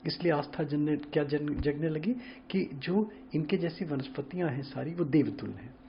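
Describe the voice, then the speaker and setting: Guy explaining stuff to camera, kinda high voice, keeps saying hai na, dull lo-fi sound. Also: slight background noise. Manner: reflective, explaining with rhetorical questions and frequent "है ना"; mixes English words into Hindi. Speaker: spiritual speaker.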